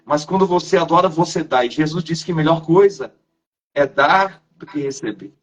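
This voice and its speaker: A pastor telling his conversion story in an emotional, slow and earnest way during a live stream. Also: fairly high pitch. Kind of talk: testimony in a live interview.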